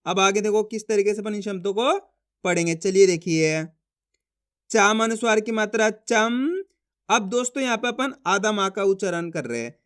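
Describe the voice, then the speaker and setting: A man teaching reading in an online lesson, slowly sounding out syllables and repeating his own questions and answers. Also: high voice, a bit bright, clean tone.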